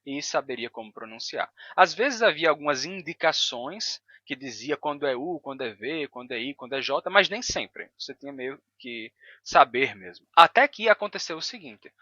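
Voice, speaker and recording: Bright, didactic Brazilian man teaching. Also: fairly high pitch, expressive, no room sound, lo-fi sound. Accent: Brazilian Portuguese. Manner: didactic, repeats sounds slowly to demonstrate, frequent "tá?" checks. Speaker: language educator. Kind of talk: explanatory video lesson.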